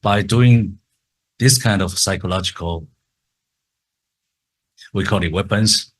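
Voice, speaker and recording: A man with a very low, slightly rough voice gives a conference talk in English, speaking slowly and carefully. He is from Taiwan, his first language is Mandarin Chinese, and he has a Chinese accent. He stutters, repeating words and the beginnings of sounds.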